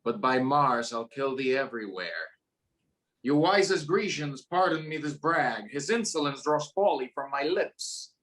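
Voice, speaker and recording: A noble warrior prince, played by a man, defiant and formal. He declaims in Shakespearean stage manner in a voice of average male pitch. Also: expressive, measured pace, a bit bright, a little hiss or hum, poor audio. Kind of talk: theatrical Shakespearean stage acting.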